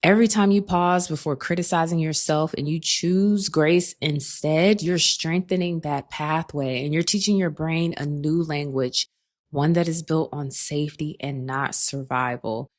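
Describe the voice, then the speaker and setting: A woman with a notably low speaking voice talks the listener through a faith-based self-help monologue. Her delivery is calm and reflective, warm in its direct address, with pet names and little "okay?" check-ins woven in. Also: a little slow. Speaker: podcast host.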